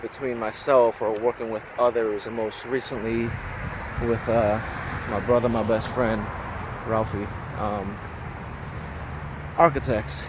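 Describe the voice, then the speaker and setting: A man's voice: on the low side, flat delivery, a little slow. Breathless man in his thirties walking outside. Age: 30s. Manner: rambling, chatty, laughs between thoughts. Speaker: vlogger. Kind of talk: casual vlog talk. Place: outdoors on a busy street, walking. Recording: outdoor recording with loud traffic and wind noise.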